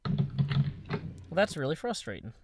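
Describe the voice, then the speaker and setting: A man with a fairly high voice whose pitch swoops wildly chats casually and slowly while playing a building game. He thinks out loud as a game player, full of fillers and restarts.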